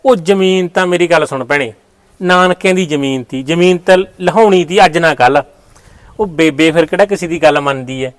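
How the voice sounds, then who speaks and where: High-voiced brother giving warnings. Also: male voice, brisk, no echo. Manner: cautioning, dismissive. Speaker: brother in a family skit. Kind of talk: village family drama acting.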